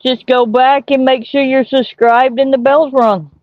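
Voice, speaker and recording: A woman co-hosting a livestream, chiming in quickly and teasing. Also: high voice, steady tone, dry recording, lo-fi sound. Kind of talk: casual livestream chat.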